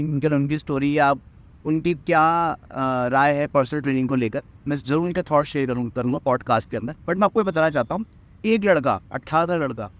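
A young man with a slightly raised pitch speaks earnestly to the camera, coaching his viewers like a fitness mentor. He talks outdoors in a park, picked up by a camera a short way off. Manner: earnest, repeats and restarts phrases, addresses viewers directly. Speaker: fitness trainer and course mentor. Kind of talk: motivational talk to camera. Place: outdoors in a park under a tree. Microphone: camera at medium distance.

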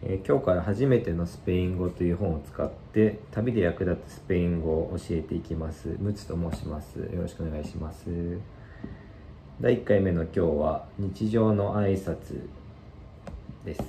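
A man with a low, very dark and mellow voice walks through a language lesson in an easygoing, filler-heavy way. He sounds like he is in an echoey room with a faint hum of ambience behind him. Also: normal speed. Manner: relaxed explanatory, many fillers. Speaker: Spanish teacher.

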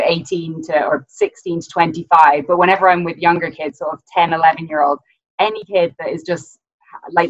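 A woman's voice: fairly low pitch, no room sound. Chatty young woman on a video call. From Britain. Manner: chatty, many "um" and "like" fillers, laughs often. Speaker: guest, ski coach. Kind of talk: casual interview on a video call. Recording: dull lo-fi video call audio.

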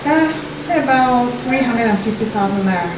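An actress with a Nigerian accent playing a polite, composed wife who answers in a measured, matter-of-fact way. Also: female voice, a little high, expressive, background noise, natural voice. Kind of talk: film drama acting. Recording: echoey room.

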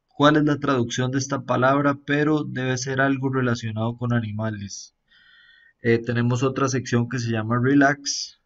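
A man giving a relaxed walkthrough of a phone app, often tagging sentences with a questioning aside and pausing on fillers. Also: medium pitch, lo-fi sound. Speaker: app reviewer. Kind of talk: casual screen-recorded app walkthrough.

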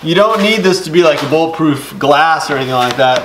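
A middle-aged man walks through a DIY build in a relaxed, step-by-step way, dropping casual fillers as he goes. His voice sits a little high for a man. The sound is roomy and echoey, with clear noise from the garage workshop behind him. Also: brisk. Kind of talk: casual how-to instruction. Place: home woodworking garage workshop.

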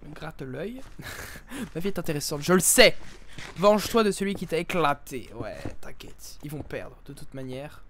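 A young man commentating a live game stream, joking and bursting into yells. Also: on the high side, normal speed. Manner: jokey, excitable, yells in sudden bursts. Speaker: gaming streamer.

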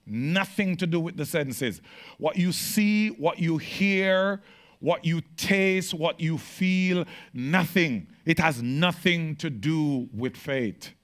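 A man preaching a sermon to his congregation. He jumps between loud, emphatic bursts and quiet asides, often restarts his phrases with repeated words, and asks the room questions. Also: fairly high pitch, slow. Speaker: pastor. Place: church meeting room with congregation.

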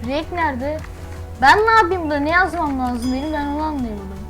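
A woman commenting on her gameplay as she plays, chatty and thinking aloud, with quick startled exclamations. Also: high-pitched, animated, fairly bright tone, faint music behind, rough recording. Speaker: gaming channel host.

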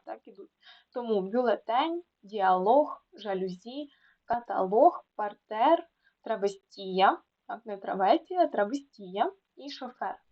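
A woman tutor explains a lesson, her voice a little higher than most. She repeats words deliberately to contrast their stresses, with small fillers between them. The recording sounds dull and lo-fi. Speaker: Ukrainian language tutor.

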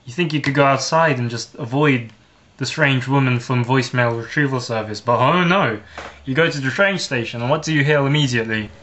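A man's voice: medium pitch, a little fast, fairly bright tone, muffled recording. A teenage boy vlogging a casual, sarcastic comic rant with jumpy swings of emphasis.

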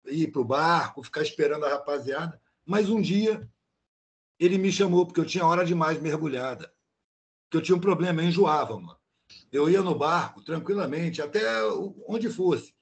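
A blunt older man tells a long story on a video call in a slangy, casual way. His voice sits fairly high for a man. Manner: blunt and slangy, peppered with "mano". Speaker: meeting participant.

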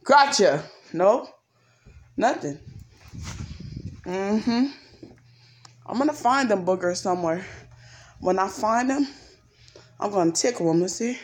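Holding her phone as she walks through an empty house, a young woman films a playful game of hide-and-seek for a casual vlog. Her medium-pitched voice is animated, teasing and sing-song, and she takes it slowly with frequent pauses.

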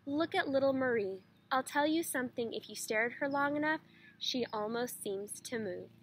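A woman's voice: high-pitched, moderate pace, a little hiss or hum. A woman voicing a chatty, friendly male museum guard telling a story. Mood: fond.

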